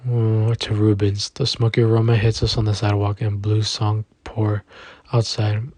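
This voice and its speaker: Flat, dark-toned male audiobook narrator. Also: fairly low pitch, normal speed, no echo. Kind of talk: first-person audiobook narration.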